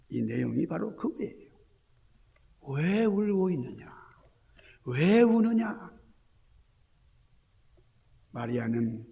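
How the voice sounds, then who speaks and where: A man preaching an Easter sermon in a fairly high, gravelly voice. He throws rhetorical questions at his congregation and moves between loud exclamations and hushed near-whispers. The sound carries the long reverb of a church sanctuary. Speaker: senior pastor.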